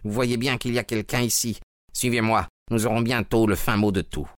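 A man's voice: lowish voice, fairly even intonation, a little fast, dry recording, clean studio sound, pitched above the performer's own voice, lightly acted. A man voicing an agitated, determined husband who speaks in tense, urgent murmurs.

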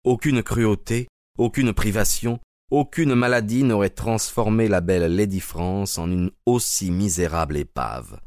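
A man giving steady, measured scripted narration of a dramatic story. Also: lowish voice, dry recording, clean studio sound.

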